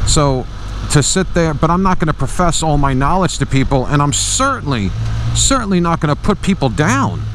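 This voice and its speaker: A man's voice: a little high, poor audio. A middle-aged man riding a three-wheel motorcycle and talking through a casual, opinionated vlog monologue with many restarts, recorded on a helmet mic. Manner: rambling, opinionated, frequent restarts. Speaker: motovlogger. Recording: road and engine noise. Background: engine and traffic noise.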